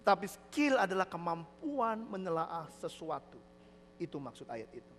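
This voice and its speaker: A male preacher with a strikingly high voice tells stories from the pulpit and plays every person in them. His pitch leaps around as he goes, and he drops English phrases into his talk. The sound rings through a big reverberant hall over a faint mains hum. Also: normal speed. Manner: animated storyteller, acting out the people in his stories, mixing in English phrases. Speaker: pastor. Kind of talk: sermon with told stories. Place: church hall.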